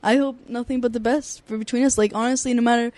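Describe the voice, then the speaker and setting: Fast-talking earnest young woman fighter. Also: fairly high pitch, fairly even intonation, warm tone, dry recording. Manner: earnest, peppers speech with "like" and "hundred percent". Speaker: guest, amateur MMA fighter. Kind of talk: casual podcast chat.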